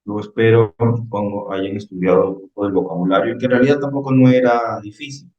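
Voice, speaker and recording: A man's voice: on the low side, steady tone, a little fast. A man teaching an English vocabulary lesson in Spanish, patient and repeating "ok?" to check on his students. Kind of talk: classroom lesson reviewing vocabulary. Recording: roomy, slightly dull recording.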